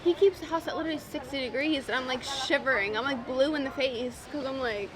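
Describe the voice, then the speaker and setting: A woman's voice: high voice, fast talker. A woman in her twenties chatting casually in a couples Q&A, giggly and tipsy as she playfully bickers. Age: 20s. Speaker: girlfriend in couples Q&A vlog.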